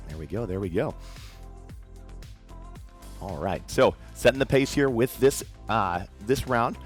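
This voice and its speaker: A man coaches a workout in a fairly low voice, calling out encouraging cues and counting down each set. Soft music plays faintly behind him. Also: animated, a little slow. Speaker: fitness coach. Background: faint background music.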